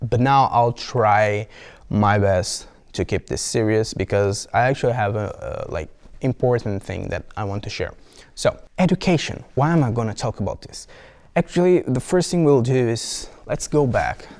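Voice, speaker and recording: The vlogger's voice here is fairly low and a little mellow, expressive and moderately paced. A young Brazilian man who grew up speaking Portuguese, he keeps restarting as he playfully rambles in casual talk to the camera.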